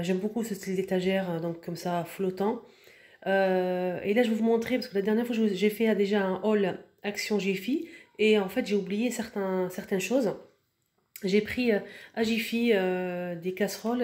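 A woman's voice: mid-range voice, steady tone, moderate pace, a little mellow, echoey room. Hesitant woman giving a home tour. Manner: hesitant, many fillers and restarts. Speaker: home decor vlogger. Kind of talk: casual voice-over room tour.

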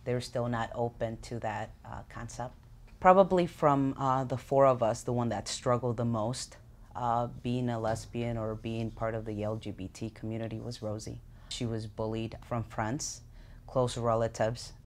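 A woman in her forties from Chicago, speaking casually in an interview, telling her family's story frankly with many pauses and fillers. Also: rumbling low, fairly even intonation. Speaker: interviewee, co-parent. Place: living room, sitting on a sofa.

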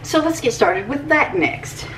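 With a fairly high, expressive voice and a measured pace, an older home-cooking host walks viewers through a recipe in her kitchen. She's chatty and homey, given to soft laughs and fillers. A camera mic across the room records her from afar, along with background noise.

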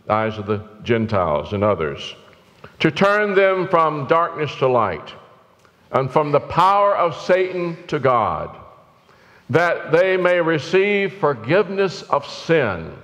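A man's voice: on the high side, fairly bright tone. An older man preaching a sermon from a church pulpit, earnest and rising to urgent exhortation. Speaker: pastor. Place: church sanctuary, indoors, at the pulpit. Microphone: pulpit mic from a far camera. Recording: roomy hall reverb, dull lo-fi sound.

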